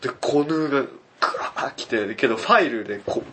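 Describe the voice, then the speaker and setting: Fast-talking man telling a story. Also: mid-range voice, heavy background noise. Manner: animated storytelling, laughing often. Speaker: podcast co-host. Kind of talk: casual chat.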